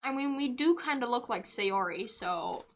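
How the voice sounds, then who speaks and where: With a slightly high, animated voice at a normal speed, a young woman banters playfully while livestreaming a game. Now and then she bursts out loudly or dissolves into giggles.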